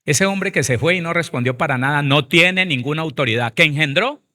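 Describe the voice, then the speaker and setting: A man's voice: on the high side, fairly quick, sharp tone. A man, a pastor preaching a Bible seminar who speaks emphatically and addresses his listeners directly.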